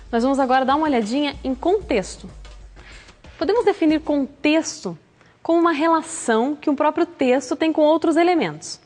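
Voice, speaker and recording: A woman's voice: sits high, a little mellow. A Brazilian woman teaching Portuguese for the entrance exam, explaining patiently and acting out example phrases. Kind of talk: recorded exam-prep lesson. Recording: long hall reverb.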